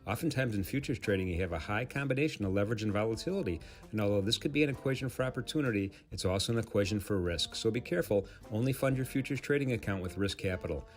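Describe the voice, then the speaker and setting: A man reading a scripted trading risk disclaimer in a brisk, advisory way. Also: on the low side, lively intonation. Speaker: disclaimer narrator. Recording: faint guitar music under voice. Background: music.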